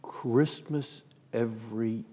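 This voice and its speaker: A man playing an earnest male news interviewer who keeps asking slow, baffled follow-up questions in a comedy sketch. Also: medium pitch, steady tone, dark tone. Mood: puzzled. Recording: long hall reverb.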